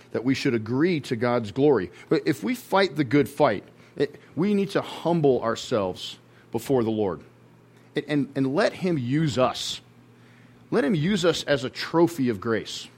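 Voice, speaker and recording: A man, a pastor, preaching an earnest sermon to his church and often repeating words as he restarts his sentences. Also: medium pitch.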